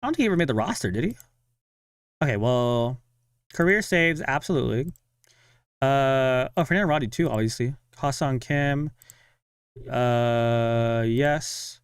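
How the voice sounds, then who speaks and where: A man's voice: mid-range voice, lively intonation, clean tone, dry recording, clean studio sound. A young man chatting casually on a live stream while following a game, talking to himself and his viewers. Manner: chatty, self-talking, sighs of frustration and quick laughs.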